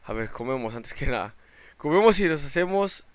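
Young male gamer, excitable let's play commentary, smooth voice, dry close sound. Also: a little high, moderate pace, no echo. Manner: excitable, shouts in panic at sudden dangers. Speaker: gaming channel host.

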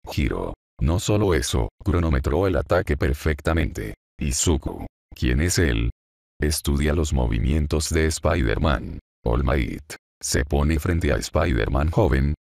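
Man, very deep gravelly voice, dry close recording; reads a fan fiction script, narration and all roles alike. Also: dry recording. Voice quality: very low, gravelly voice. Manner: reads character names and stage directions in a flat, even delivery. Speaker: fanfic reader voicing all parts.

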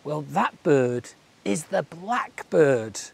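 A storyteller voicing a wise, gentle hedgehog who patiently explains things to a tadpole. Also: medium pitch, expressive, extremely slow, vocal fry, slightly rough, exaggerated voice. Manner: patient, kindly, soothing.

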